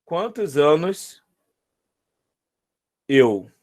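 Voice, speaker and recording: A man's voice: on the high side, sing-song, very slow, a little mellow. A man with a Brazilian accent, teaching a math lesson, patiently repeating his points and checking in with the students. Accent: Brazilian Portuguese.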